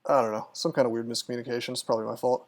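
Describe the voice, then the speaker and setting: A man giving live gameplay commentary in a casual, thinking-out-loud way. He muses over choices, hesitates with ums, and restarts sentences often. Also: medium pitch, steady tone, racing. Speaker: game streamer.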